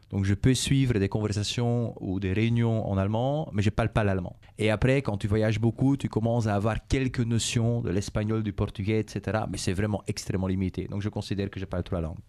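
Interviewed by schoolchildren, this middle-aged Belgian executive speaks French with a Flemish accent, Dutch being his first language. His lowish male voice is warm, with fairly even intonation. The answers are calm and explanatory, delivered in a measured manner full of hesitations, repetitions, and frequent "euh" and "et cetera."

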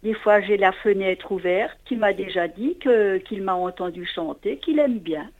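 A woman speaking as a guest over a low-quality phone line into a radio show, hesitant and trailing off with filler words. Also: a little slow. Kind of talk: casual phone interview. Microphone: telephone. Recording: muffled lo-fi phone audio.

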